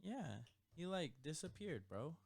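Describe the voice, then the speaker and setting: A man's voice: a little high, sing-song, measured pace, no echo. A young man co-hosting a podcast, telling stories in a laid-back way and laughing often. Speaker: podcast co-host. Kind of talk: casual chat.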